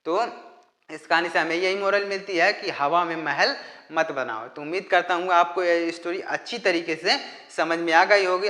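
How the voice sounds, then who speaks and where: A man teaching an English lesson, explaining a story in Hindi and translating it phrase by phrase in a slow, deliberate way. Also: high-pitched, bright, forceful tone, reverberant, big-room sound.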